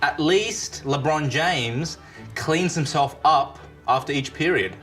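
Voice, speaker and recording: A man's voice: fairly high pitch, takes it slowly, a bit bright, faint music behind. A man taking part in a joke challenge, casually telling and answering dad jokes. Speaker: contestant in a try-not-to-laugh joke challenge.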